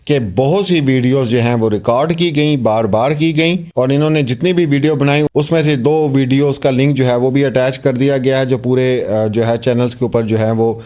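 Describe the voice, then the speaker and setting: A man's voice: medium pitch, fairly even intonation, few pauses, a little mellow. A man narrating and commenting on a court statement for his viewers, in a conversational style with many fillers.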